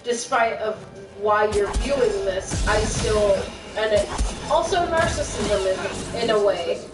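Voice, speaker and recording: A woman's voice: medium pitch, slow pace. A woman co-hosting a game stream, chatting casually in a rambling, self-conscious way. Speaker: stream co-host. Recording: distant mic in a roomy space with game music. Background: game music.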